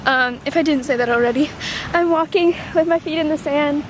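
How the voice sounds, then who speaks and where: A young woman filming a travel vlog outdoors, gushing and excitable, squealing when something thrills her. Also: high voice, fairly quick. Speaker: vlogger. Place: outdoors in a busy city, on a beach. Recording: noisy outdoor ambience with traffic.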